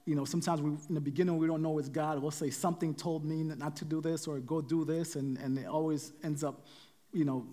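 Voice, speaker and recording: A man preaching a sermon in a conversational, halting manner, often repeating phrases and adding fillers as he reads scripture. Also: a little high, darkish tone, big-room sound.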